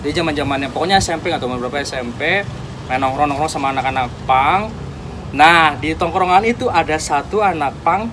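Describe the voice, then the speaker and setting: Give me a man in his thirties telling stories casually in slang, with clear background noise in the recording. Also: a little high, fast talker. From Sukabumi, West Java, Indonesia. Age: 30s. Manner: relaxed slangy storytelling. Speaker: tattoo artist guest. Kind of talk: casual chat.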